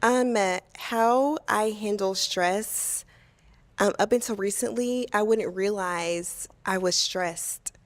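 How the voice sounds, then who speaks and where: A woman on a dating show asking questions and answering them in an unhurried, reflective way. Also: medium pitch. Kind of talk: casual dating show conversation.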